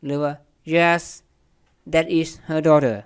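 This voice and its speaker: Slow, smooth Lao-accented English teacher. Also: mid-range voice, fairly even intonation, no echo, studio quality. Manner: repeats each English word slowly and clearly. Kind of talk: beginner English lesson in Lao.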